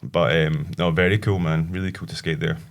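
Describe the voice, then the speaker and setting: A man's voice: extremely low pitch, fairly even intonation, brisk. A man who is a guest on a podcast, telling stories in an easygoing, rambling way. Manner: rambling, easygoing, many fillers. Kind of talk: casual chat.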